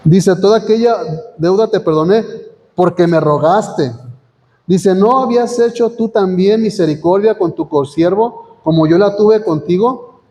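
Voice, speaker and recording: Man, pastor, sermon, high voice, warm mellow tone, reads scripture, quizzes congregation. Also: measured pace. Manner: reads scripture aloud, asks the congregation questions. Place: church hall. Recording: long church hall reverb.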